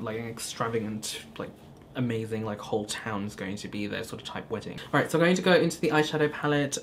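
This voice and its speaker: Young man, from Hong Kong, chatty makeup vlog, loose filler words, faint background noise. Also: medium pitch. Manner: chatty, many ums and likes. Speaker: beauty vlogger. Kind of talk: casual get-ready-with-me chat. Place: small indoor studio corner.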